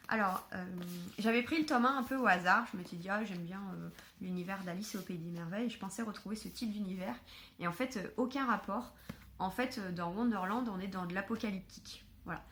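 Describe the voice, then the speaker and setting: A woman chatting casually to camera at home about books she was given, filling pauses with hesitations. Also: mid-range voice, fairly bright tone, slight background noise. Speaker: book vlogger. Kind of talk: casual book haul chat.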